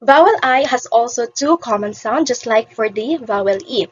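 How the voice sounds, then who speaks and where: A woman's voice: fairly high pitch, lively intonation, moderate pace, slightly rough, lo-fi sound. A woman teaching an English vowel lesson to beginners, patiently repeating each word for the class to copy.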